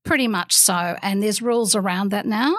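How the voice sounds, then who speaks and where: A woman's voice: mid-range voice, normal speed, a bit bright, no room sound, studio quality. A woman with an Australian accent chatting casually about travel, with lots of ums and easy laughter. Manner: chatty, hesitant with many ums, laughs easily. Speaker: travel guest. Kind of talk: casual chat.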